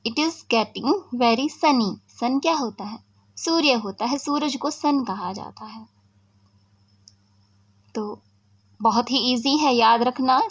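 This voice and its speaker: A woman teaching a spoken English lesson, explaining patiently and saying example sentences very slowly. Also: sits high, slightly rough. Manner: slow, patient explaining with words read out very slowly.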